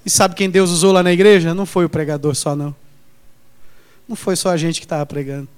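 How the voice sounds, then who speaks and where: A man's voice: on the high side, steady tone, fast, smooth. A man preaching as a pastor, telling a personal testimony with impassioned exhortation and acting out the dialogue in his story. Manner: impassioned, rising to urgent exhortation.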